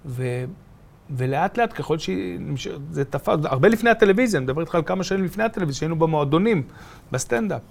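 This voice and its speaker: A man's voice: on the high side, vocal fry. A middle-aged man from Be'er Sheva, a comedian telling stories as a guest in a casual interview and acting out voices and sounds. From Israel, from Be'er Sheva. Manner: animated, acts out voices and sounds.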